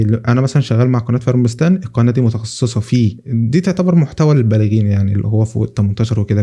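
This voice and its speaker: A man's voice: medium pitch, warm tone. A man with an Egyptian accent teaching thumbnail design in a casual livestream, talking in a joking, conversational way. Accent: Egyptian Arabic. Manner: joking, conversational, fast with quick restarts.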